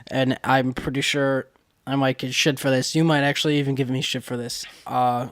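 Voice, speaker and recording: A man's voice: mid-range voice, flat delivery, moderate pace, fairly bright tone. A man co-hosting a podcast, telling a story in casual chat, rambling with many restarts and frequent swearing. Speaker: podcast co-host.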